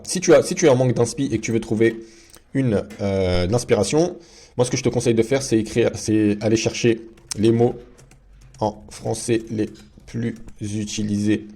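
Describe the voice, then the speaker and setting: Chatty low-voiced man with many fillers. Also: mellow. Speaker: crypto video host. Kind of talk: casual screen-share tutorial.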